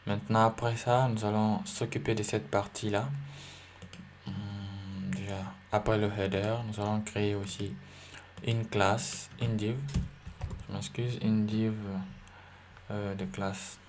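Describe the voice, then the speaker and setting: Speaking slowly in a fairly low, flat-pitched voice, a man teaches coding in a screen recording, thinking aloud with frequent fillers and self-corrections. There's slight background noise, and faint keystrokes and clicks are audible.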